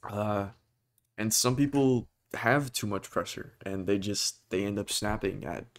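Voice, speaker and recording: Young male vlogger, low-set voice, hesitant and earnest, stumbles and restarts while searching for words. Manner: halting and hesitant, many restarts and fillers. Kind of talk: personal talk to camera.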